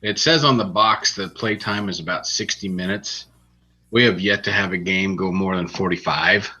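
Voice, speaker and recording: A man's voice: deep voice, moderate pace, pushed and bright, slightly rough. A man co-hosting a casual podcast, explaining board games and trading dry jokes. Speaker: podcast co-host. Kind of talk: casual podcast chat and game review. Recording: dull lo-fi podcast audio.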